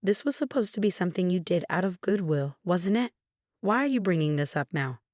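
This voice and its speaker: A woman voicing a smug, scheming husband in his fifties in a narrated story, mocking and later yelling in panic. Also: fairly low pitch, expressive, brisk, dry recording, clean studio sound, lightly acted. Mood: furious.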